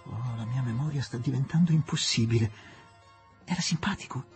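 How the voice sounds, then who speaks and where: A man reading an audiobook and voicing a gentle, dreamy elderly English woman who talks softly and forgetfully. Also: medium pitch, brisk, soft background music, close to an everyday voice. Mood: wistful. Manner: soft, wistful and forgetful.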